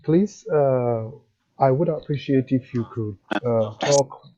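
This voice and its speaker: A man's voice: mid-range voice, slow, warm tone. A man moderating an online meeting over a lo-fi call, speaking politely and hesitantly and often repeating himself. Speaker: interview moderator. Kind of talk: informal chairing of an online meeting. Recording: dull lo-fi online call audio.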